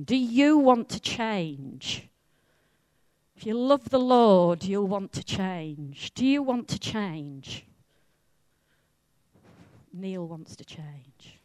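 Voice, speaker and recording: Slow-paced Welsh woman preaching. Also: mid-range voice, dry recording. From Wales. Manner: chatty, self-mocking, lively preaching. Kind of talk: sermon.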